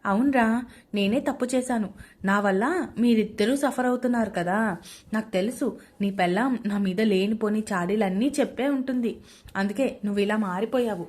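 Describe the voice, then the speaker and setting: A woman voicing a sharp-tongued middle-aged mother-in-law who scolds loudly and taunts. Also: mid-range voice, moderate pace, lightly acted. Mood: bitter. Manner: loud and taunting.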